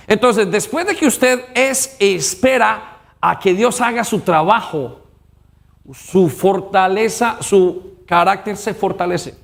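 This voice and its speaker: A man's voice: high-pitched, vocal fry. A man pastor preaching an emphatic sermon in a church, with call-and-response to the congregation.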